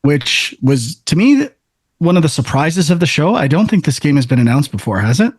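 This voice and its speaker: A man runs through the list on a casual games podcast, his voice sitting a little high. He talks in a halting, chatty way. The sound is dry and close, with no room around it. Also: big pitch swings, breathy edge, no echo. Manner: leads the rundown, halting and chatty. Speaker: podcast co-host. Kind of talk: casual chat.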